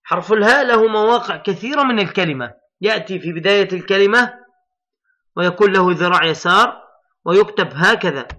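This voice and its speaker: A man teaching young children to read, sounding out letters and words slowly and emphatically while encouraging his pupils. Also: high voice, bright, forceful tone. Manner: addresses pupils as heroes, patient and encouraging. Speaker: primary school Arabic teacher. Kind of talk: recorded classroom lesson for young children.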